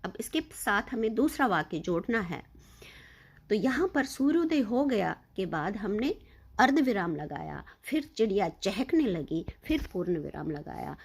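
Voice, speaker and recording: A woman's voice: medium pitch, sing-song, a little slow, husky. A woman teaching a lesson to children, explaining patiently and stressing her example sentences.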